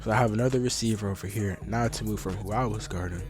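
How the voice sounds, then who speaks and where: A man's voice: fairly low pitch, fast. Young guy hyped up watching his old football film, slangy, keeps saying bro, faint music underneath. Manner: slangy and excitable. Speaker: vlogger. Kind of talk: casual commentary on old game footage.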